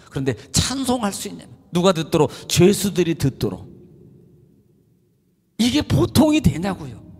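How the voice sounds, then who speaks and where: A man preaching a sermon as a pastor, animated and swinging between low murmurs and raised exclamations. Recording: long hall reverb.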